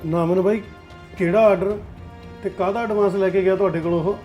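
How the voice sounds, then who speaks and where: An actor playing a troubled firm owner who talks calmly and reasons with an angry client, with a Punjabi accent. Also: male voice, sits high, brisk, highs cut off, soft background music, lightly acted. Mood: placating. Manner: soothing, reasoning. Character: troubled male firm owner, placating and weary. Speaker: office owner.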